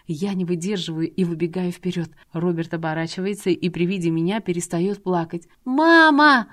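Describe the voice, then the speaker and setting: A woman reading a first-person audiobook with expressive, emotional storytelling. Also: lowish voice. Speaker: audiobook narrator.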